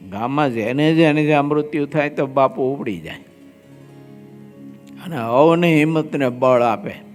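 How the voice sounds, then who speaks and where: A man with a Gujarati accent, a swami giving a devotional scripture discourse, telling anecdotes and voicing the people in them. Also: on the high side. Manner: slow, drawn-out delivery with quoted voices in anecdotes. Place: large assembly hall with long reverb.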